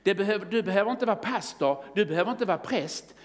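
A male preacher delivers a sermon in a fervent storytelling style, exclaiming halleluja as he builds to excited testimony. His voice is slightly high, and a long hall reverb surrounds it.

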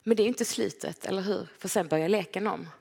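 A woman preaching a gentle, personal sermon in a church, now and then acting out short quoted lines. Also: mid-range voice, gravelly, breathy edge. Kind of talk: conversational sermon. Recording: long hall reverb.

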